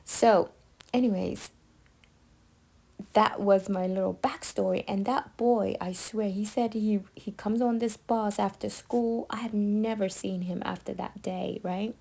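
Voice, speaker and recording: A woman's voice: mid-range voice, fairly even intonation, measured pace, gravelly, dark tone, husky, poor audio. A woman from Somalia telling stories in a casual monologue, often checking in with her listener with "yeah?" and "right?". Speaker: storyteller.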